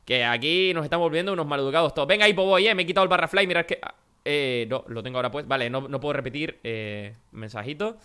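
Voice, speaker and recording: A young man from chatting excitedly and joking while playing Minecraft with a friend. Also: fairly high pitch, quick pace, clean tone. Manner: excitable, joking, shouts during jumps. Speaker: gaming channel host. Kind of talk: excited Minecraft let's play chat.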